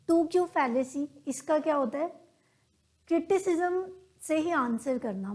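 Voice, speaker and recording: A woman with an Indian accent giving a classroom lesson in a high voice, taking her time over every point. She poses questions and answers them herself, now and then acting out little everyday examples. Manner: acts out everyday examples in quoted dialogue. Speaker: teacher. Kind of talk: classroom lecture on logical reasoning.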